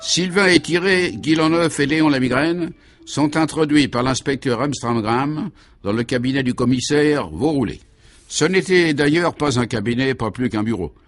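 A man narrating a vintage radio serial in a measured, dryly ironic storytelling manner. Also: medium pitch, soft background music.

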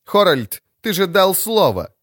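A man voicing a tough, furious woman thief in an audiobook, firing off sharp angry outbursts. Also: high-pitched, sing-song, a little slow, voice pushed up, full character voice. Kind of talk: audiobook character voice.

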